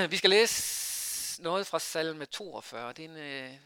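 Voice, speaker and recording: A male preacher gives a sermon in a loose, conversational way, asking his listeners one question after another. His voice is somewhat high and bright, with a gravelly edge. The recording sounds dry and close. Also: lively intonation, no room sound. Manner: conversational, rhetorical questions, frequent hesitations.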